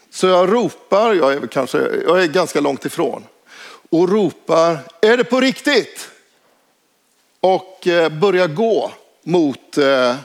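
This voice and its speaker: A man telling a personal anecdote in a casual spoken way, hesitant and full of filler sounds. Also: on the high side. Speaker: storyteller.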